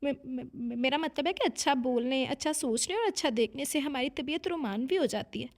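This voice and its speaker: A woman's voice: high voice, animated, brisk. A woman narrator voicing a flustered, talkative young woman secretary in a romance story read aloud.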